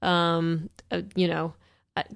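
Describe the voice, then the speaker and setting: A woman co-hosting a podcast, chatting in a relaxed, talkative way with many fillers. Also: on the low side, slow, gravelly, clean tone, dry recording. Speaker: podcast co-host. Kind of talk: casual chat.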